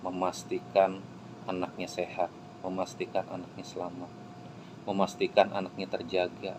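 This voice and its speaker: Impassioned low-voiced man preaching. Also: completely flat delivery, normal speed, background noise. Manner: impassioned, swinging from hushed pleading to loud exclamations. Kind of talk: emotional sermon.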